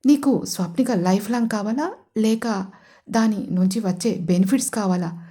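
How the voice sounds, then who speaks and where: A woman voices a calculating older brother who gives cold, measured advice. His tone is mellow and subdued. It is part of a narrated audio drama. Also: mid-range voice, close to an everyday voice. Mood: serious. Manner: serious, harsh, measured. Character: calm scheming older brother on phone. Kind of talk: audio story character voice.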